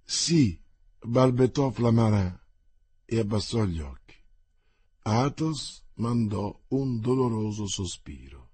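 A man reading a novel aloud in measured, even narration. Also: on the low side, breathy edge, no echo. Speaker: audiobook reader.

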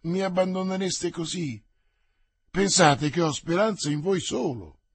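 A man's voice: on the high side, very animated, a little slow, breathy edge, dry recording, voice pushed up, full character voice. A man doing a wary, plaintive servant. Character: cautious, sly male servant, plaintive.

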